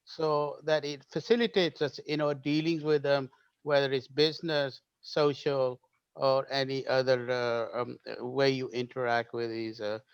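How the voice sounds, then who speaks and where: Man from Pakistan and Britain, smooth voice, earnest and halting, dry lo-fi sound. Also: mid-range voice, little pitch movement, no room sound. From Pakistan, raised in Britain. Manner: earnest, with many hesitations. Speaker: podcast guest. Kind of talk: conversational panel talk. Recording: dry, dull lo-fi audio.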